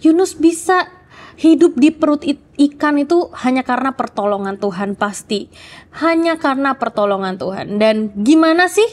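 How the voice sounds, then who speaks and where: A high-voiced adult woman talks casually to children, answering their questions. She coaxes and checks in often, keeping it friendly and simple. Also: moderate pace. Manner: lively, coaxing, keeps asking "oke?".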